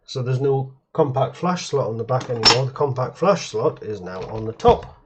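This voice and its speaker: Lively intonation marks this man's medium-pitched voice as he talks at a moderate pace about computer hardware at his home bench. A retro hobbyist, he rambles, hesitates and keeps correcting himself mid-sentence in this casual show-and-tell. Slight hiss or hum sits on a dull, muffled recording.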